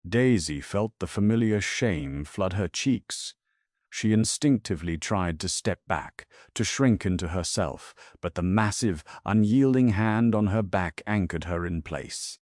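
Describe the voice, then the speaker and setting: A man narrating a romance story in a measured, dramatic way. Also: low voice, darkish tone, dry recording, clean studio sound.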